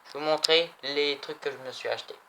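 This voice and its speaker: A man's voice: on the high side, steady tone, fast talker, pushed and bright, a little hiss or hum. A young man chatting casually in a vlog, rambling and repeating himself. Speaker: vlogger. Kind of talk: casual chat showing souvenirs.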